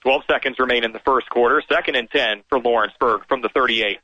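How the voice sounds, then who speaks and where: A man calls high school football on local radio, his bright, pushing voice laying out each snap in brisk, measured order. The broadcast sound is a bit dull and muffled. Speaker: play-by-play announcer. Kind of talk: radio play-by-play commentary.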